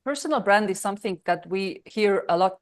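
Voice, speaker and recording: A woman in her thirties from Estonia, a freelance consultant speaking as a podcast guest in a measured way, with frequent ums and uhs. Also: medium pitch, lively intonation. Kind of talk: conversational interview.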